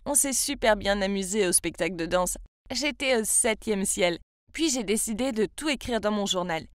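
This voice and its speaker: A woman's voice: medium pitch, expressive, moderate pace, no room sound, clean studio sound. A woman in her twenties from France telling her own story in a confiding, chatty first-person narration. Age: 20s.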